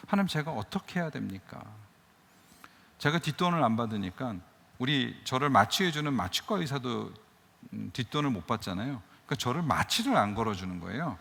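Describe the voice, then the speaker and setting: A middle-aged man, a missionary surgeon, giving an earnest testimony sermon that rises loud and falls to a murmur. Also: medium pitch. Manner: earnest storytelling, swells loud then drops to a murmur. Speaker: missionary surgeon guest speaker. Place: large church hall. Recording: long reverb of a big hall.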